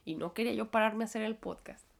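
Young Mexican woman with a cold, podcast host; fairly high voice, rambling and reflective. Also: fast talker, creaky. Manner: chatty and self-interrupting, with many restarts. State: has a cold and a cough. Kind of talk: reflective solo podcast monologue.

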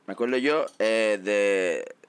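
A young Dominican man in casual podcast chat, an animated storyteller who laughs often. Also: lowish voice, slow pace, clean tone.

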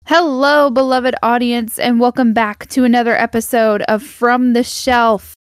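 A woman's voice: fairly high pitch, fairly even intonation, unhurried, dry recording, studio quality. A young woman co-hosting a podcast in casual chat, laughing easily and hesitating with fillers. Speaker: podcast co-host.

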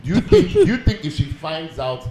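A man's voice: fairly high pitch, huge pitch swings, normal speed. Earnest Nigerian man, echoey room. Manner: earnest, explains with worked examples. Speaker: panelist. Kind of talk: casual group chat. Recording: echoey room with background noise.

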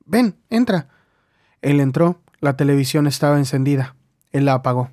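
A man narrating a short story as an audiobook, in a steady, measured delivery. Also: mid-range voice, dry recording, studio quality. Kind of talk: scripted narration.

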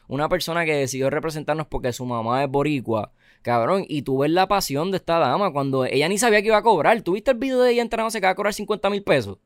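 A Puerto Rican man hosts a casual podcast, talking emphatically and swearing freely. His voice is smooth and resonant, recorded dry and close with no room sound. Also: on the high side, no room sound. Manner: emphatic, peppered with slang and swearing. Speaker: podcast host.

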